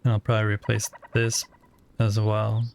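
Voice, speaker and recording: Laid-back gravelly guy on a game stream, musing to chat, noisy mic. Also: lowish voice, moderate pace. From United States. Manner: relaxed, musing aloud while building.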